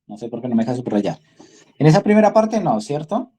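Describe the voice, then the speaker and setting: A man teaches an online class in a very dark, husky voice. He reasons aloud and keeps asking his students whether they follow. He speaks through a computer microphone on a video call. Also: mid-range voice, very animated, brisk. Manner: thinks aloud, checks in with tag questions. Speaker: university instructor.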